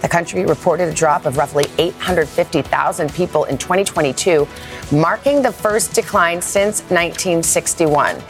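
A woman with a fairly low voice presents morning news as an anchor. She reads scripted headlines, with faint music behind her. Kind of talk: scripted headline reading with light banter.

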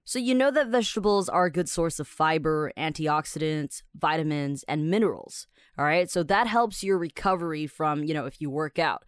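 A woman's voice: low voice, clean tone, no room sound, clean studio sound. A woman from Taiwan, hosting a podcast lesson as an English teacher. She is upbeat and chatty and explains words step by step.

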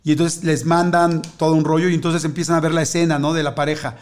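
Un hombre de unos cuarenta años con acento mexicano, de voz algo aguda, que conversa relajado y cuenta una anécdota. Da muchos rodeos y llena las pausas con muletillas. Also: male voice, fairly high pitch, level tone, a little mellow. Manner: rambling, heavy fillers, storytelling. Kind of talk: casual chat.

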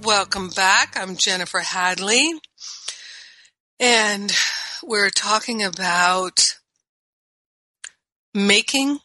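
A woman's voice: medium pitch, very slow, long pauses, sharp tone, no echo, faint music behind, poor audio. A woman hosting a spiritual radio talk show, speaking with gushing enthusiasm and laughing often.

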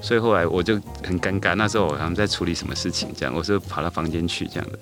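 Over music, a middle-aged man speaks rapid-fire in a deep voice. He's an elementary school teacher guesting on a podcast, telling an unhurried story packed with hesitant fillers and restarts.

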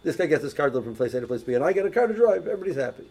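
Husky-voiced man teaching with stories. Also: fairly high pitch, big pitch swings, racing, a little mellow, low-quality recording. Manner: storytelling, many restarts and repeated words. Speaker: religious teacher. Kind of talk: casual teaching talk with anecdotes.

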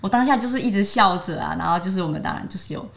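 A woman's voice: medium pitch, animated, racing, vocal fry. A young woman in her twenties with a Taiwanese Mandarin accent, co-hosting a casual podcast and telling a story animatedly, acting out what others said. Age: 20s. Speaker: podcast co-host.

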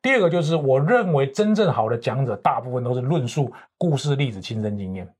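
A man's voice: mid-range voice, expressive, a little fast, a little mellow, husky. A man, a professional speaking coach explaining his methods with confident, lecturing examples in an interview. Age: 50s.

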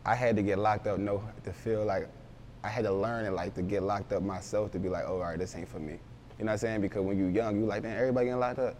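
A man's voice: fairly low pitch, fairly even intonation, fast talker, a little mellow, a little hiss or hum. A young man, a rapper, talking casually in an interview with loose, rambling street slang. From Baltimore, raised in Philadelphia.

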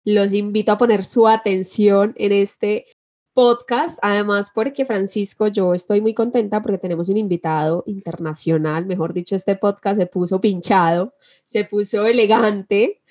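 A woman's voice: medium pitch, steady tone, moderate pace, darkish tone. A woman with a Colombian accent, hosting a podcast interview in a casual, playful way. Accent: Colombian Spanish. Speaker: podcast host.

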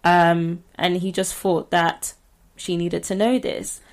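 A woman's voice: fairly low pitch, level tone, slow pace. A woman with a British accent casually telling stories and chatting as a podcast co-host. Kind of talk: casual storytelling and chat.

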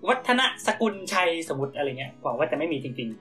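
A man's voice: on the high side, lively intonation, fast, a bit bright, faint music behind. A man co-hosting a casual podcast, telling an improvised story with many fillers and restarts. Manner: rambling, full of fillers and restarts. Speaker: podcast co-host.

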